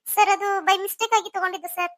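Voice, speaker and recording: A woman's voice: very high-pitched, steady tone, normal speed. A woman doing a meek young wife. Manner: meek, pleading.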